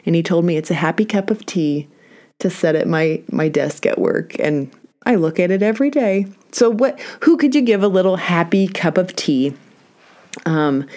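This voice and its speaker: A woman with a low voice hosts her own podcast, telling classroom stories and acting out the people in them. She is candid and laughs at herself when things go wrong. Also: a little mellow. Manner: candid, self-deprecating, storytelling with quoted dialogue. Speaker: podcast host, teacher. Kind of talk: solo podcast talk. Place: indoors, talking alone into a mic.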